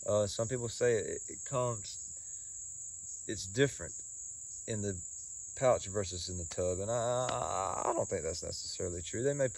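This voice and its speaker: Low, gravelly man, folksy and halting. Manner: folksy, halting delivery with repeated words and pauses. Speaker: pipe tobacco reviewer. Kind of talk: casual solo review talk.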